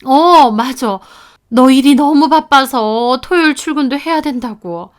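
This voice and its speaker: A fretful older mother-in-law, as a woman reads her part, slow and fussing, her voice lifting high with alarm. The tone stays smooth and clear. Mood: worried.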